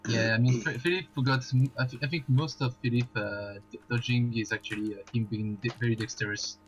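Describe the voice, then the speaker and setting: A man's voice: medium pitch, fairly even intonation, fairly quick, a little hiss or hum. A man talking casually as a tabletop game player, on a dull lo-fi voice connection. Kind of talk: casual chat.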